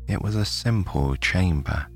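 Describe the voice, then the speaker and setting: A British man from the United Kingdom narrating a bedtime sleep story in a soft, soothing way. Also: sits low, unhurried, soft background music.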